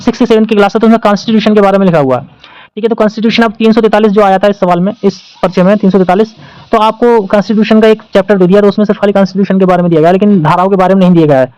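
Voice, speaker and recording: A man's voice: high-pitched, fairly even intonation, darkish tone, clear, resonant tone, no echo, muffled recording. A man with an Indian Urdu accent, teaching as an exam-prep teacher and explaining test questions, who repeats the answer options and asks and answers his own questions.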